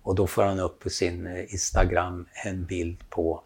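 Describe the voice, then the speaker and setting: A man tells a story in a low, gravelly voice. He acts out the quoted lines, and his voice climbs and gets louder when he plays the other people in the story. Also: flat delivery. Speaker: storyteller, photographer. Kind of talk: casual anecdote telling.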